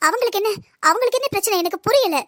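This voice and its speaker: A young cartoon wife, voiced by a woman, proud and hurt, pressing her husband with pointed questions. The voice is very high and fast, dry and close. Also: expressive, a bit bright, no room sound. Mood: reproachful. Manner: pointed, reproachful. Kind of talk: cartoon voice acting.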